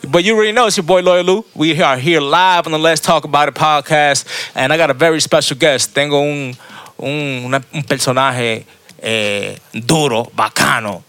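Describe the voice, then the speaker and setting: A man hosts a podcast, chatting casually and laid-back in a bilingual interview, switching between Spanish and English slang. His voice is on the high side, a little slow and fairly bright, recorded cleanly with no echo.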